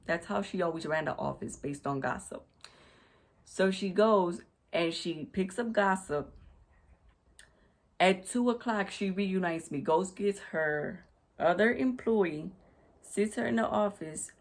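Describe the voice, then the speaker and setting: Recording at home on a USB desk mic, this vlogger recounts a work story to camera with lots of emphasis, repetition, and frequent restarts. She has a mid-range voice and a slow pace.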